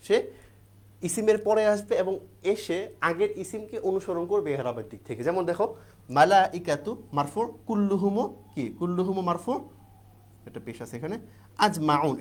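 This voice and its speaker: A man's voice: on the high side, darkish tone. A man teaching an exam-prep grammar lesson, explaining step by step and asking and answering his own questions. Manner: keeps checking in with the class.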